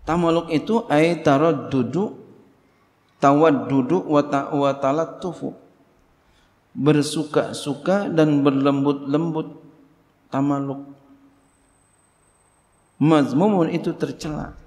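A middle-aged man teaching a religious book study, talking animatedly, leaping in pitch and acting out bits of dialogue. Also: slow pace, long pauses. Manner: animated, acts out quoted dialogue, big pitch leaps. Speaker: Islamic teacher. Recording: long hall reverb.

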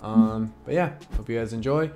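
A man's voice: mid-range voice, moderate pace, faint music behind. A young man on a gaming headset chatting casually about his gameplay and hyping up the fights. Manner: excitable, shouts during fights. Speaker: gaming YouTuber. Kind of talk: casual gameplay chat and vlog intro.

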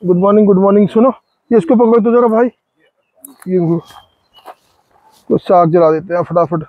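A high-voiced man in his forties talks in a relaxed, chatty way at a riverside campsite in a forest. The sound is dry and a little dull, picked up by a phone held close. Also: normal speed, no room sound. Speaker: vlogger. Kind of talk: casual camping vlog narration. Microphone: phone camera held close.

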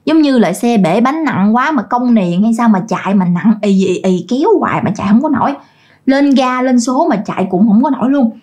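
A woman's voice: fairly high pitch, animated, moderate pace, a little mellow. A woman, narrating a ghost story in a chatty, colloquial way, addressing listeners.

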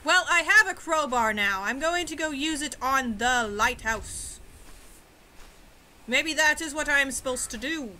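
A woman's voice: high voice, lively intonation, unhurried, sharp tone, slight background noise. A young woman giving goofy, sarcastic let's-play commentary with mock-old-fashioned quips. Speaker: gamer.

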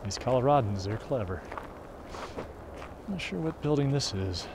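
A man with a medium-pitched, expressive voice speaks at normal speed while leading a walking tour through a snowy campus. He muses casually and isn't sure what the buildings are called. Wind and street noise fill the background, captured by a camera carried as he walks.

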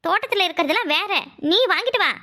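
A woman voicing a bossy, sharp-tongued young village wife in a cartoon, giving orders and quick retorts. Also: very high voice, lively intonation, heavily acted. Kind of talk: cartoon voice acting.

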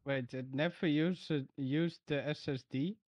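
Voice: medium pitch, steady tone, unhurried, darkish tone, dry recording. A young speaker with a Dutch accent, teasing and laughing while chatting during an online game. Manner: teasing, giggly prankster. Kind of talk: casual gaming chat. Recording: slightly dull voice chat audio.

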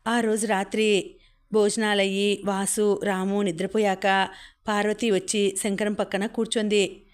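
Flat-toned woman narrating a story. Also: mid-range voice, measured pace, smooth. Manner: even, steady reading, voicing characters' lines within the story. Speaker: audiobook narrator.

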